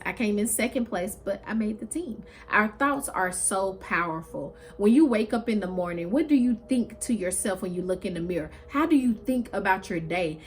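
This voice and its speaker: A woman's voice: medium pitch, slight background noise. A woman with a mid-range voice delivers a casual motivational talk straight to her viewers. She is emphatic and encouraging with a touch of preaching, leaning on repeated phrases to press each point. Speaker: host, motivational speaker.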